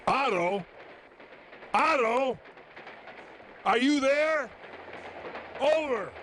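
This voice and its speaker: Cartoon train dispatcher voiced by a man, insistent, fairly high voice, faint noise. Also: expressive, moderate pace. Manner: insistent, calling out orders. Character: bossy railroad dispatcher on the radio. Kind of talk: radio chatter.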